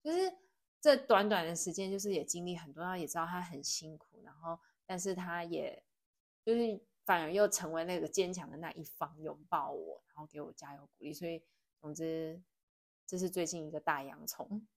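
A young Taiwanese woman with a somewhat low voice hosts a relaxed podcast chat in a living room. She speaks in a Taiwanese Mandarin accent and tells her stories with open feeling, laughing easily. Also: fairly quick, creaky. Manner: emotional storyteller, laughs often. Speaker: podcast host. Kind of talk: casual chat.

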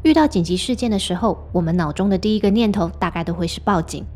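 A woman hosting and narrating a true story in a measured, scripted storytelling manner. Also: on the low side, darkish tone, soft background music. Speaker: host and narrator.

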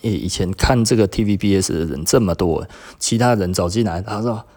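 A man with a Taiwanese Mandarin accent, hosting a podcast and telling a story in a casual, animated way, getting louder and higher when he is indignant. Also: a little fast. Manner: animated retelling with frequent sentence-final particles; rises in pitch and volume when indignant. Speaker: podcast host.

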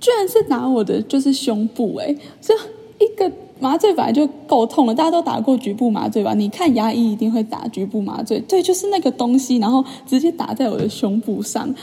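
A young woman chats through a story for her vlog, full of fillers and animated asides. Her voice is mellow and husky with a gravelly edge of fry. A long reverb trails after her words. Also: a little high, fairly quick. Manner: chatty, animated retelling with many fillers. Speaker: vlogger. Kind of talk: casual storytelling monologue.

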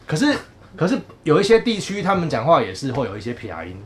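A man from Kaohsiung with a Taiwanese Mandarin accent, co-hosting a casual chat and telling stories in an animated, joking way. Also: fairly high pitch, quick pace, slight background noise. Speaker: podcast co-host.

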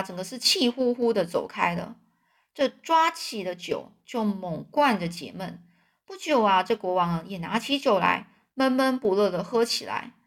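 A woman telling a serialized story in a chatty way, drawing out particles at the end of phrases. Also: medium pitch.

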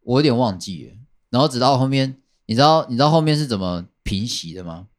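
A man's voice: mid-range voice, animated, fast talker. A man chatting casually on a podcast, rambling and repeating his phrases with many fillers. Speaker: podcast guest telling a work story.

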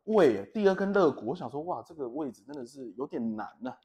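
A man's voice: on the high side, very animated, quick pace, darkish tone, muffled recording. A man, hosting a casual podcast chat and telling rambling stories that he laughs at himself. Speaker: podcast host.

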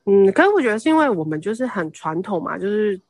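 A woman in her thirties from Taiwan, a podcast guest, talking casually and explaining at length with quick asides. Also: medium pitch, sing-song, no echo. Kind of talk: casual interview chat.

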